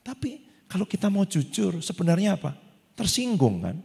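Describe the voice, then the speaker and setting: A man preaching a sermon as pastor, animated and acting out the people he quotes. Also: high voice, moderate pace, vocal fry, breathy edge. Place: church hall. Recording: long church hall reverb.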